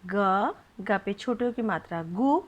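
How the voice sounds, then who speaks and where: A woman's voice: mid-range voice, lively intonation, slow pace, lo-fi sound. A woman teaching young children to read, spelling words out syllable by syllable with patient questions. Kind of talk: children's phonics lesson.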